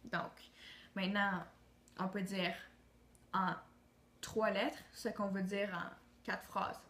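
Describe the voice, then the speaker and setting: A woman's voice: mid-range voice, flat delivery, takes it slowly, fairly bright tone. Earnest declamatory woman. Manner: earnest, declamatory, with frequent restarts. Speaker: student. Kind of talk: recited monologue for a school project. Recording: roomy echo with faint ambient noise.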